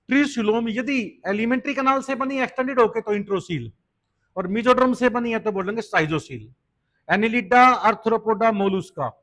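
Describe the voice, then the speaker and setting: High-voiced male biology teacher quizzing. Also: fairly bright tone. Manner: quizzing students and answering himself, calls them "beta". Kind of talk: exam-prep lecture.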